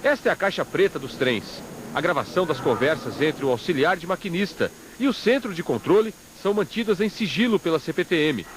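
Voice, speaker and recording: A man's voice: a little high, expressive, a little fast, a little hiss or hum, rough recording. A Brazilian man reading a scripted television news report as a reporter.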